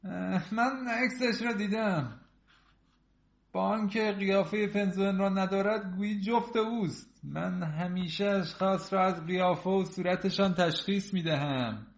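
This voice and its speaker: A man's voice: high-pitched, creaky, voice pushed up. A man voicing a fawning, buffoonish older man who talks effusively and half-mockingly, recorded in an echoey room. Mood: musing. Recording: roomy echo.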